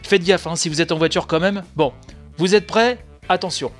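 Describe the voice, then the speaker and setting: A man's voice: high voice, moderate pace, soft background music. A man hosting a daily video game news podcast, chatty and self-mocking with jokey asides. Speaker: podcast host.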